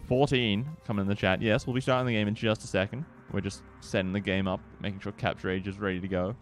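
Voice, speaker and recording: A man co-casting an esports match, relaxed and explaining the play. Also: fairly low pitch, quick pace. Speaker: esports co-caster. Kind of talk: live game commentary. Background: faint background music.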